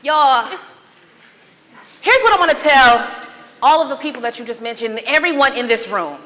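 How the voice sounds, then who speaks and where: A woman's voice: sits high, lively intonation, moderate pace, fairly bright tone. A young woman speaking as a youth advocate on a panel, earnest, plainspoken and emphatic. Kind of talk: impassioned personal speech. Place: conference hall with audience. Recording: reverberant conference hall, audience murmur.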